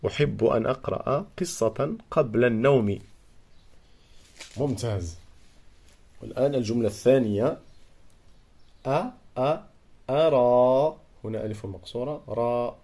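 A male reading teacher with a mid-pitched voice. He works through each word one syllable at a time at a very slow, patient pace. He repeats words and names the spelling rules in a quieter aside. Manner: sounds out words slowly, naming vowel lengthening and doubled letters in a lower aside.

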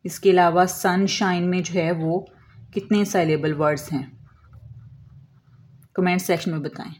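A woman explaining a lesson as an English teacher, slowly drawing out example words and answering her own questions. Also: lowish voice, fairly even intonation, a little mellow. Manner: asks questions and answers them herself.

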